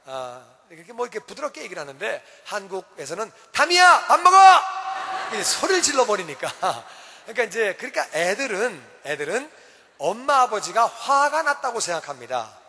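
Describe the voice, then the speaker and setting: A man preaching a sermon as pastor in a church, animated and acting out scenes. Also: high-pitched, a little fast. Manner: animated, acts out parents shouting at children. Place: church sanctuary. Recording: church hall reverb.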